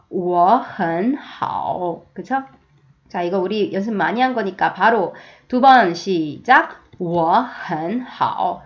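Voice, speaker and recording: A woman leads a beginner Chinese lesson at an unhurried pace, her pitch rising and falling a lot. She models short phrases slowly and keeps checking in with her learners. The audio is dull and lo-fi. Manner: slow, patient, checks in with "그쵸?" often. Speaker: Chinese language teacher. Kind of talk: beginner language lesson with drills.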